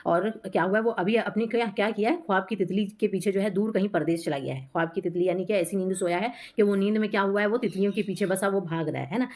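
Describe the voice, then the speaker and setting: A woman teaching a poem to students, explaining each line slowly in a voice with inflection, often adding "hai na" and repeating herself. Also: medium pitch, darkish tone.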